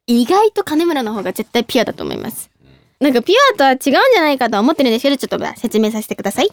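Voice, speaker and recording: A young woman hosting a casual radio talk show, reading listener mail with a bubbly, giggly, animated manner. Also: fairly high pitch, very fast, dry recording. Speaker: idol radio host.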